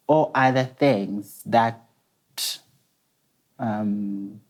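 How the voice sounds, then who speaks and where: A young man, a guest telling his personal story softly and hesitantly at a dinner table, with many pauses. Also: medium pitch. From Zambia. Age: 20s. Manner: soft-spoken, hesitant, many pauses and restarts. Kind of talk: personal story in a talk show. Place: indoor dining room set at a table.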